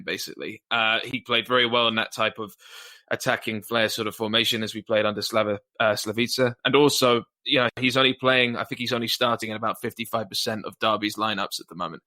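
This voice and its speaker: Man, fan podcast panelist, bright tone, a bit low, hedges and rambles. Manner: hedging, restarts often, rambling opinions. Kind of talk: casual fan podcast chat.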